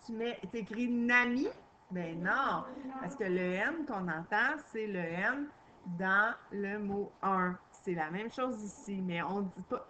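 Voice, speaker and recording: A woman's voice: mid-range voice, bright, forceful tone, highs cut off, slight background noise. A woman teacher, patiently taking young children through a reading lesson and spelling out sounds.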